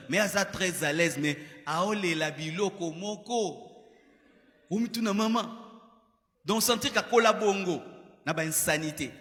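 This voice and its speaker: Forceful, admonishing Congolese male preacher. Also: high-pitched. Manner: admonishing, repeats phrases for emphasis. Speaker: pastor preaching. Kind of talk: sermon with acted examples and direct address. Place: large church hall, preaching to a crowd. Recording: reverberant hall.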